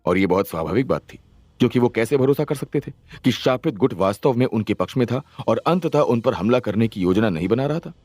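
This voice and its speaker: A man's voice: mid-range voice, lively intonation, fairly quick, a little mellow, dry recording. A man narrating an audio story with dramatic storytelling.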